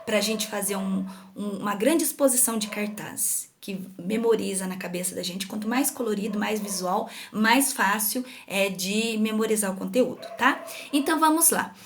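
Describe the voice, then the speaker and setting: A woman's voice: mid-range voice, normal speed, slight background noise. A young Brazilian woman teaching an online grammar lesson to children, patient and sing-song, often checking in with her pupils. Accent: Brazilian Portuguese. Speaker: school teacher.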